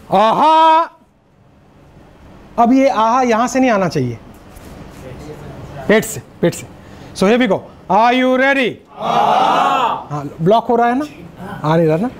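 A middle-aged Indian man with an Indian accent, giving a lively public speaking workshop to a live audience, mixing Hindi and English and joking with the crowd. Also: extremely high pitch, a little hiss or hum. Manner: energetic, directs the audience, jokes. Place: seminar room with live audience.

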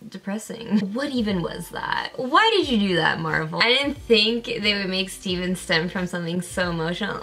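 A young woman hosting a reaction video, chatting casually and excitably and laughing often. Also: lowish voice, gravelly.

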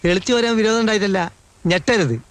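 A man's voice: high-pitched, fairly quick, no echo, close to an everyday voice. A nervous, gossiping house servant, played by an actor, who talks in a raised, dry voice and frets about danger. He fusses constantly in comic film dialogue. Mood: fretful warning. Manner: nervous, fussing and warning.

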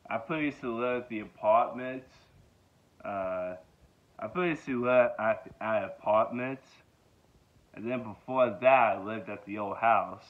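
A young man in his twenties from Georgia talks about himself in a loose, rambling vlog, circling back with fillers and repeated yeahs. His voice sits a little low. The sound is narrow and tinny, like a phone line, recorded close up in a small bedroom. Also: a little slow. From Georgia, USA. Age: 20s. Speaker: vlogger. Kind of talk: casual self-introduction vlog. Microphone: phone held close at arm's length.

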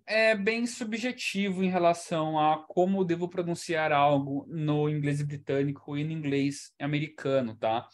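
Man, English teacher, online class, video call mic, chatty, explanatory. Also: high voice. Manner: chatty, explanatory, ends points with "tá?".

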